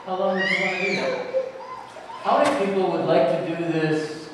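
A middle-aged man, a pastor, giving a children's sermon with gentle questions to children seated around him. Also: high-pitched, expressive, moderate pace, noisy background. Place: large church sanctuary, indoors. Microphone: distant camera. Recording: echoey church hall from far off.

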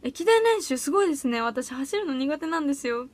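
A teenage girl with a high, sing-song voice talks a little fast on a solo livestream from a small room at home. She's bubbly and giggly, chatting casually as she reacts to viewer comments while auditioning.

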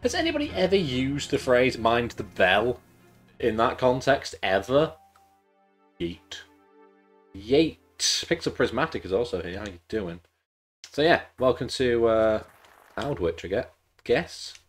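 With faint music behind him, a man in his thirties streams a game at home, his mid-range voice breathy-edged, pitch swinging widely, pace a little slow with long pauses. He's congested and losing his voice, rambling chattily with jokey asides during casual live-stream chat.

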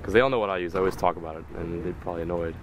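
A man's voice: sits low, very fast. A young man hosting a casual fishing vlog, talking in a rambling, self-correcting way from a boat and then a car. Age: young adult. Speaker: vlog host. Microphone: action camera at arm's length. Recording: distant camera mic with loud wind and road noise.

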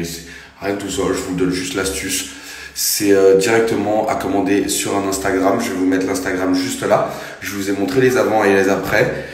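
A man in his thirties talking casually to his phone camera in a home bathroom, relaxed and chatty. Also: sits low, heavy reverb. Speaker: family vlogger. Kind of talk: casual vlog talk to camera. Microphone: phone camera held at arm's length.

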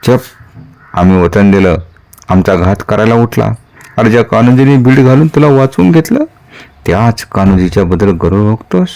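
A man's voice: fairly low pitch, lively intonation, moderate pace, a little mellow. A man reading a story aloud and voicing a stern, commanding warrior king with firm authority. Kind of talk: dramatic storytelling.

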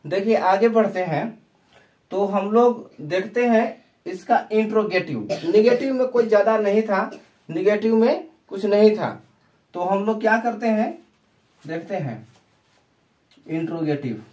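A man with a high, expressive, slightly mellow voice teaches an English grammar lesson in Hindi, explaining tenses to a class. He goes slowly and repetitively, posing questions and answering them himself. He sounds far from the microphone.

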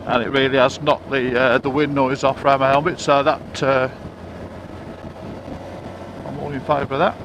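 Man, riding a motorbike, helmet mic, gravelly voice, faint road noise, enthusiastic. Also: mid-range voice, flat delivery, normal speed, pauses often. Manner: chatty, enthusiastic, repeats words. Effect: helmet microphone while riding a motorbike, wind noise. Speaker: motorcycle reviewer. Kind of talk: casual review while riding. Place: outdoors on a motorbike.

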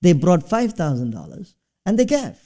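This middle-aged Singaporean man preaches a sermon on a church stage, asking the congregation questions in a conversational style. His high, dark voice swoops wildly in pitch while keeping a moderate pace.

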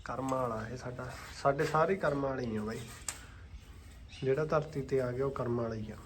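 Male horse-keeping vlogger, Malwai Punjabi accent, informal and chatty, mid-pitched, faint background noise. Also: brisk. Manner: informal, chatty, addresses viewers as brothers. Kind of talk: casual vlog chat. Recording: noisy handheld vlog with ambient sound.

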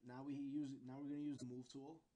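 Brisk and flat in delivery, a mid-range male voice walks through an unscripted, informal software tutorial. He goes step by step, at times searching for the right words.

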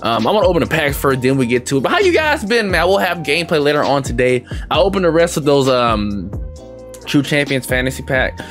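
A man's voice: medium pitch, expressive, fairly quick, soft background music. A young man chatting casually as a gaming video creator, with informal slangy talk and some swearing. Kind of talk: casual chat over game pack opening.

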